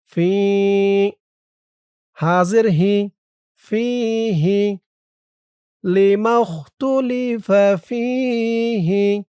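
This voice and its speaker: A teacher spelling out an Arabic prayer word by word for viewers, stretching the recited words slowly and explaining quickly in between, addressing listeners directly. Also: mid-range voice, a little mellow, no room sound, clean studio sound. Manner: slow drawn-out recitation, quick plain explanations.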